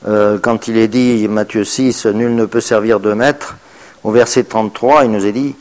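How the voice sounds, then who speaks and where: A man preaching a sermon in French, reading scripture aloud and commenting on it, with hesitations, and moving from raised, emphatic bursts to quiet, murmured asides. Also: lowish voice, fairly even intonation, moderate pace.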